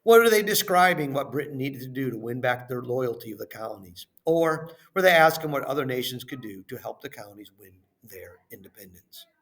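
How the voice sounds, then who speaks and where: A man of medium pitch reads a lesson and its worksheet questions as a teacher would, expressive and a little bright in tone. He's deliberate and instructional, punching the first words of each phrase and letting the last ones drift off.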